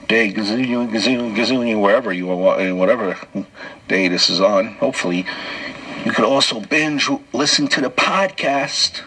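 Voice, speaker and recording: A man hosts his own podcast alone, telling wry, off-the-cuff jokes and chuckling between bits, loose and prone to restarts. His mid-range voice is creaky, sharp, and slightly rough, and the recording quality is low.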